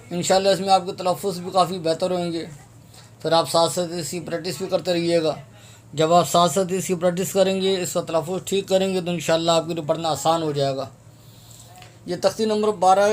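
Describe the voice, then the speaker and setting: High-voiced man teaching slow syllable drills. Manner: drills in question and answer, repeating syllables slowly. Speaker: Quran reading teacher. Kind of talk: slow step-by-step recitation lesson.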